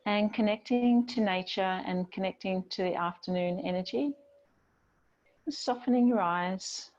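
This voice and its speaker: A woman yoga teacher speaks in a mid-range voice, giving gentle, unhurried guided relaxation and movement instructions in a soothing way. The highs in the audio are cut off.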